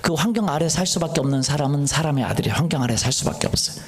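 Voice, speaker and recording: A man preaching a sermon as pastor, asking the congregation questions and swinging from hushed whispers to loud fervent lines. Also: fairly high pitch, animated, racing. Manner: call-and-response preaching, dropping to whispers then rising loud; playful, mimics dogs and children. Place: church sanctuary. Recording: echoey church hall.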